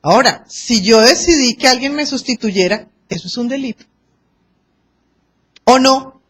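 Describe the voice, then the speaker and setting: A Colombian woman lecturing a class on arbitration, lively and acting out quoted exchanges and anecdotes. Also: fairly high pitch, a little slow, breathy edge.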